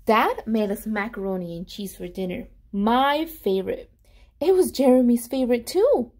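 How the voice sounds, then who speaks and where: A woman with a fairly high voice reads a children's picture book aloud at normal speed, expressive and animated, with dramatic emphasis. She addresses her young audience as a storyteller and pauses to ask them questions.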